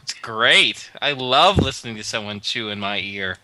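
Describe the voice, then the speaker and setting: A man's voice: lowish voice, lively intonation, moderate pace, pushed and bright, no echo, low-quality recording. A man co-hosting a casual podcast, jokey and laughing often. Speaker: podcast co-host. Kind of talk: casual chat.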